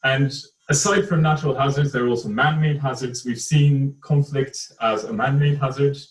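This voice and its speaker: A man from Turkey presents as an engineer over a video call, often pausing with fillers and restarting his sentences. His voice sits at a middle pitch. It sounds roomy and some way off from the microphone. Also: steady tone, distant mic. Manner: hesitant, many fillers and restarts. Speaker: engineer, panel speaker. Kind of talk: online presentation.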